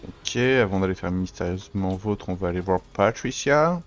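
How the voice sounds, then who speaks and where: A man's voice: sits low, expressive, normal speed. A man hosting a let's play with casual gaming commentary. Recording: dull, band-limited mic. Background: game music.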